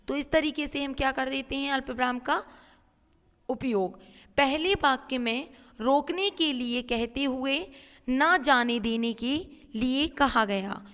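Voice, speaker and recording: A woman's voice: high-pitched, a bit bright, in a large hall. A woman teacher explaining a grammar lesson step by step, reading a line and then paraphrasing it.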